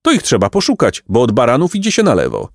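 A man's voice: mid-range voice, wildly swooping pitch, quick pace, no room sound, clean studio sound, voice pushed up. A man voicing a cheerful, good-natured peasant who talks in a hearty, simple-hearted, laughing way, in a storybook reading.

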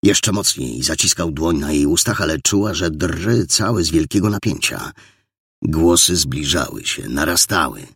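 Guy reading an audiobook, gravelly husky voice, dramatic lively delivery. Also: a bass voice, normal speed, no room sound, studio quality. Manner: dramatic storytelling. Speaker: audiobook narrator. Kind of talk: scripted narration.

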